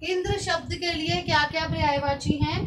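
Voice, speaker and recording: A woman teaching Hindi synonyms to a child in an online class, slowly dictating word lists and stressing each word. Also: very high voice, fairly even intonation, a bit bright, low-quality recording.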